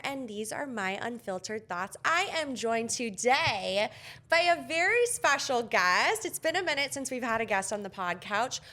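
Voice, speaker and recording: A woman's voice: on the high side, sharp tone. A young woman hosting a casual podcast chat, candid and chatty, swearing now and then. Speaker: podcast host. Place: podcast studio couch.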